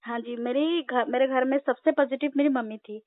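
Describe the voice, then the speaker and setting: A high-pitched woman from Odisha tells her life story over a tinny phone line. She speaks in a halting, storytelling way with many fillers. The sound is dry and close. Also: dry recording. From Odisha, India. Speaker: interview guest. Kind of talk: telephone interview.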